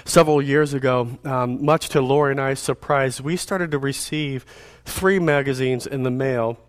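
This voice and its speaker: A married man preaching a sermon, telling a personal story in an animated way, with his voice rising when indignant. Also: mid-range voice, normal speed. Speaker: pastor.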